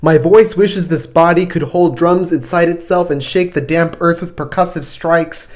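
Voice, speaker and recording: A man's voice: a little high, fairly even intonation, moderate pace. A young adult man reciting spoken word poetry in a lyrical, flowing way. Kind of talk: performance poetry.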